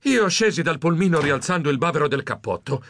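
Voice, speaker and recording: A man narrating a children's storybook in a lively, comically flustered way. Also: on the high side, fairly quick, dry recording, clean studio sound. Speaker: audiobook narrator.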